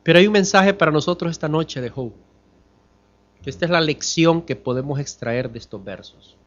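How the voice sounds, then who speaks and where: A man preaching a sermon as pastor, asking the congregation questions and swinging from loud emphatic lines to hushed ones. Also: fairly high pitch, moderate pace, highs cut off. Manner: addresses the congregation as brothers.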